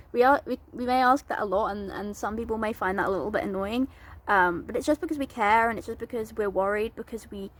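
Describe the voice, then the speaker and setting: A woman speaks to camera in an earnest, plain way, her voice soft and breathy at a middling pitch. She explains things step by step and pauses on the odd filler. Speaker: advocate vlogger.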